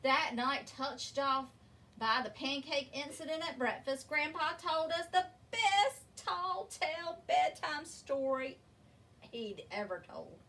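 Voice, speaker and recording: Reading a children's story aloud, a woman uses a bright, high, very animated voice, stretching key words in an expressive, deliberate delivery. She sounds a little distant from the mic, and faint background noise can be heard.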